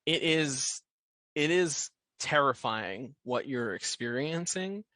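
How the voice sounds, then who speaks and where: Man as game master, bright, dry, measured scene-setting narration. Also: mid-range voice, expressive, no echo, poor audio.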